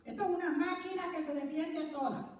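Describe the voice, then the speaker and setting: A woman teaching a church Bible class in a lively, joking, preacher-like way. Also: extremely high pitch, brisk. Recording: very echoey room, distant mic, faint noise.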